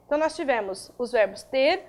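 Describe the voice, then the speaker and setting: A woman's voice: high voice, animated, fairly quick, a little mellow. A woman teaching a recorded grammar lesson, spelling out rules and checking in with listeners as she goes. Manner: didactic, checks in with frequent tags.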